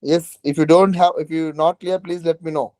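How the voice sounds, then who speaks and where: Male online-class lecturer, South Indian accent, pitched a bit high, very dry recording, repeats himself to check understanding. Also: steady tone, normal speed, a little mellow, dry recording. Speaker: teacher of a current affairs exam class. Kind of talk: informal online lecture with questions to students.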